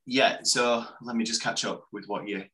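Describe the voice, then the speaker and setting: Bright-voiced man, thoughtful co-host. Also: lowish voice, fairly even intonation, normal speed, low-quality recording. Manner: meandering, thoughtful, with many restarts. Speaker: co-host and coach. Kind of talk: casual conversational podcast.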